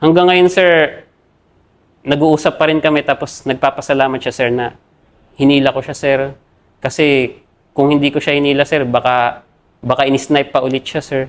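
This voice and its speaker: A young Filipino man, an army captain, recounting combat in an interview in a halting, deferential way and saying "sir" after nearly every phrase. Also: medium pitch, steady tone. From Philippines.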